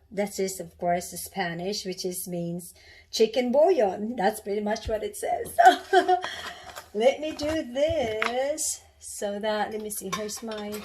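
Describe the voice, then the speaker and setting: A woman's voice: medium pitch, a little mellow, slight background noise. A woman from the Philippines casually talking through a home cooking demonstration in her kitchen, rambling and restarting often. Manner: chatty, rambling, with many restarts and fillers.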